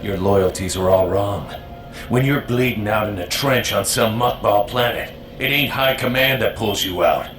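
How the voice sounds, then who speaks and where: An actor playing a venomous, contemptuous renegade soldier captain in a video game. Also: male voice, on the low side, normal speed, long pauses, a bit bright, close to an everyday voice. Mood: venomous contempt. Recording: roomy echo, music underneath.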